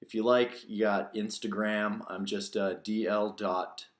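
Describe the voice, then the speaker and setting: Unhurried and level, with a lowish voice, the author hosts a reading of his own novel and talks it over casually between passages. Echo from a roomy space is audible.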